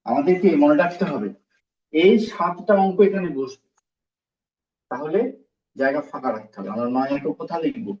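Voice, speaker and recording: A man's voice: on the high side, expressive, moderate pace, pauses often, darkish tone. Man teaching math, distant and roomy. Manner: explains step by step, repeats terms, quizzes pupils. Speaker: primary school teacher. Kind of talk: recorded classroom math lesson. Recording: roomy, distant and dull-sounding.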